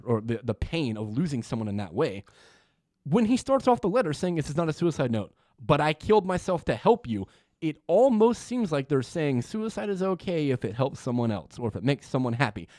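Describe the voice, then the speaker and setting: A man's voice: mid-range voice, very animated, fairly quick, a little mellow, no room sound, studio quality. A young man co-hosting a podcast, talking in a frank, easygoing way and laughing often. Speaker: podcast co-host. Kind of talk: casual chat.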